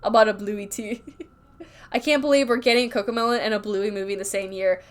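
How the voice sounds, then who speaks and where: A woman's voice: mid-range voice, steady tone, fairly quick. A woman livestreaming while drawing, rambling candidly in casual chat, full of filler words, reading chat aloud and reacting.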